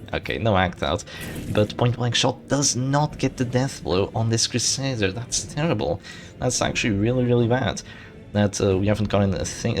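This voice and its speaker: A man giving casual live commentary on his own strategy game match, thinking aloud and correcting himself as he goes. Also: fairly low pitch. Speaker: gaming channel host.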